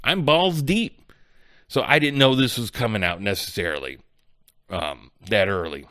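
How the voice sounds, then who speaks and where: A man's voice: on the low side, normal speed, sharp tone, no echo, clean studio sound. A man hosting a casual solo gaming podcast, rambling and ranting in exasperation. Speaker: podcast host.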